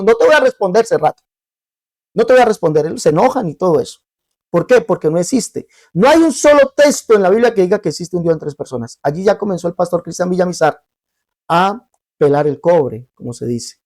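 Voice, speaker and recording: A man's voice: high voice, darkish tone, no room sound, clean studio sound. A man hosting an online religious debate, combative and challenging, hammering his points with repetition. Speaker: debate host and preacher.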